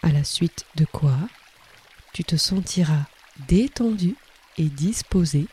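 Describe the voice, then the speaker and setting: A man calmly guiding a relaxation exercise in a soft, breathy voice, leaving long pauses between short instructions. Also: on the high side. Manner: calm, soothing, unhurried delivery with long pauses. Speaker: relaxation guide. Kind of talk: guided relaxation, scripted narration.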